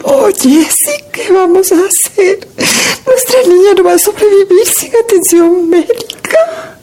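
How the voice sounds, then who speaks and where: Anxious farm wife, tearful, soft dark tone, slow delivery, radio drama. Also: female voice, very high voice, a little hiss or hum, heavily acted. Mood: distraught.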